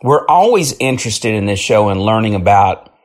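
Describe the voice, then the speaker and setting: A man's voice: lowish voice, animated, normal speed. A man hosting an interview show, introducing his guest in an upbeat, effusive way. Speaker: host.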